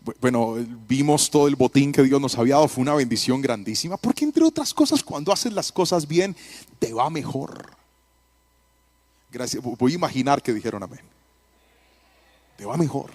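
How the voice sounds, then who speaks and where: A man preaching a sermon, telling a personal story with humor and dropping from hushed asides to loud exclamations. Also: mid-range voice, very animated, fast, few pauses.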